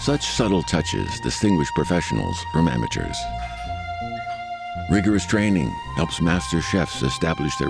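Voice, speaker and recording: Deep gravelly guy narrating a documentary, scripted, music behind him. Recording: background music under narration.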